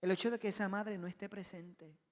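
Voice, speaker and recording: A male pastor preaching a sermon with passion, swinging between loud emphasis and soft asides. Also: high-pitched, fairly even intonation, brisk, big-room sound. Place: church auditorium.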